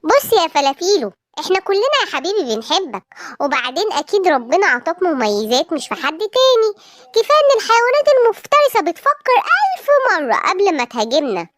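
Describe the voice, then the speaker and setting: A woman voicing a gentle, loving mother elephant in an Egyptian Arabic cartoon, speaking in a soothing way. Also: extremely high pitch, big pitch swings, fast, no echo, full character voice. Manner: soothing, tender. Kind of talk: cartoon voice acting.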